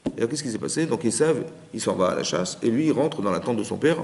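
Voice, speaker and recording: A man's voice: mid-range voice, lively intonation, quick pace, creaky, darkish tone. A man, a rabbi, giving a Torah lesson, telling the story with acted-out dialogue and rhetorical questions.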